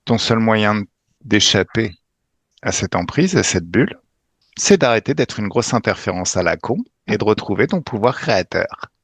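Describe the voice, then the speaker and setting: Low-pitched man, hypnotherapist, forceful and emphatic, dry close recording. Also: animated, normal speed, slightly rough, no echo. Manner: commanding, emphatic, swearing casually. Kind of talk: guided regression session.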